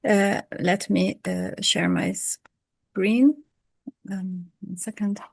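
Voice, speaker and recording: A woman, a PhD candidate, giving an academic presentation on a video call, pausing often with ums. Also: mid-range voice, steady tone, vocal fry, no room sound, clean studio sound. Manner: hesitant, many ums.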